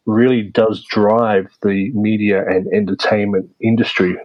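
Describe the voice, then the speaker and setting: A man answering interview questions in a measured way, with many fillers and restarts. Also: fairly low pitch, fairly even intonation, no echo, highs cut off. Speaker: interview guest, media producer. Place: based in Vietnam.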